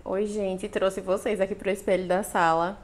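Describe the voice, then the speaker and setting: A woman's voice: medium pitch, flat delivery, moderate pace. A young woman vlogging a casual clothing try-on, chatting straight to her viewers with lots of cute diminutives, recorded on a lapel mic in her living room. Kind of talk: casual try-on haul vlog. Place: apartment living room by a balcony window. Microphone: clip-on lapel mic.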